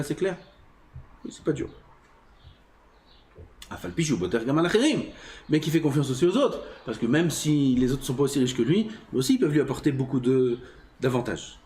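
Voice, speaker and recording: Animated rabbi teaching a class. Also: male voice, mid-range voice, a little hiss or hum. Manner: animated, swings his voice up and down, drops to near whispers; asks the class questions and acts out everyday scenes. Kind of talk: Torah lesson, reading Hebrew text and explaining in French.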